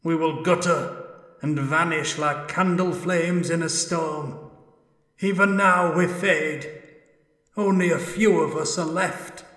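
A man's voice: a little high, fairly even intonation, slow pace, a bit bright, voice pushed up. A man voicing a mournful ancient dwarf ghost. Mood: solemn. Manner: mournful, echoing with ages of suffering. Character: ancient male dwarf ghost, anguished and pleading.

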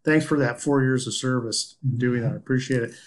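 A man hosting a casual podcast chat with a voice at an ordinary middle pitch. He talks loosely and tells stories, with filler words along the way. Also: a little fast. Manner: chatty, tells anecdotes with many filler words. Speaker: podcast host.

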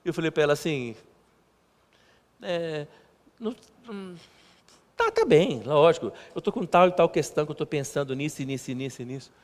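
High-voiced pastor in a reverberant hall. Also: male voice, very animated. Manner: halting, repeats words, conversational and self-mocking. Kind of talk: sermon. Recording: long church hall reverb.

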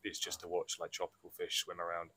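A man's voice: deep voice, completely flat delivery, quick pace, bright, forceful tone, a little hiss or hum. A man co-hosting a podcast in casual chat, with a wry, self-mocking manner, laughing at his own jokes. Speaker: podcast co-host.

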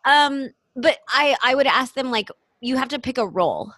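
A woman's voice: high voice, animated, moderate pace, a bit bright, dry recording, clean studio sound. A young woman hosting a podcast in a casual chat, talking loosely with many "like" fillers and frequent laughs. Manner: chatty, lots of "like" fillers, laughs often. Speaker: podcast host and coach.

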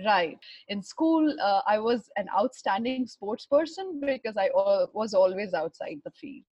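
A middle-aged woman from Bihar with an educated Indian accent, telling her life story in a halting, reflective way, searching for words. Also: medium pitch, animated, darkish tone, dry recording, lo-fi sound. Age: 40s or older. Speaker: interview guest, runner and fitness trainer. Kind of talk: personal life story in conversation.

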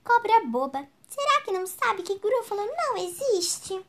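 A woman voicing a small, clever, boastful young male mouse in a storybook reading, in a squeaky, excitable voice. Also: moderate pace, full character voice. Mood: mocking.

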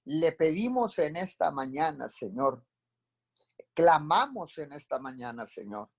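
A man's voice: a little high, slightly rough, no room sound. A man leading a fervent live prayer, calling on the Lord between every phrase.

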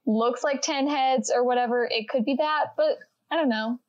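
A woman with a high-pitched voice takes part in a tabletop game. She speaks in a casual, conversational way. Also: normal speed, a little mellow, dull audio. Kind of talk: casual chat.

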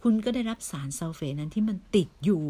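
A woman giving a casual, persuasive sales pitch for beauty products, chatty and full of questions for the listener. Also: expressive, fast, warm tone. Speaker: beauty product seller recruiting members.

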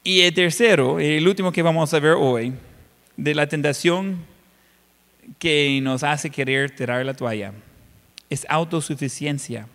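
A male pastor preaching a sermon, swinging between loud passages and hushed ones. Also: fairly high pitch, a little slow. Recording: long reverb of a large hall.

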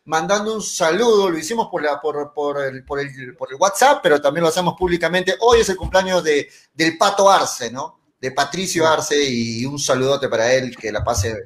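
A man's voice: a little high, normal speed, few pauses. A man hosting a casual sports talk show, chattily announcing breaks and sending greetings.

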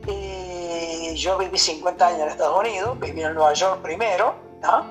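A man's voice: sits high, normal speed, faint music behind, poor audio. A man in his seventies with an Argentine accent, a radio guest chatting casually and rambling with many fillers and tag questions. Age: 70s.

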